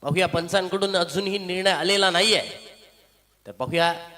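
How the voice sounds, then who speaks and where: A man's voice: high voice, moderate pace, sharp tone, long reverb tail. A man giving live local cricket commentary in an announcer-like way, repeating phrases and mixing in English terms.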